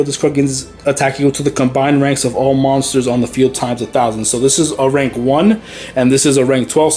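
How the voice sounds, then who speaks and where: Here a mid-range, slightly mellow male voice walks casually through his deck on his card game channel. He rambles easily, uses lots of fillers, and sounds a bit out of breath.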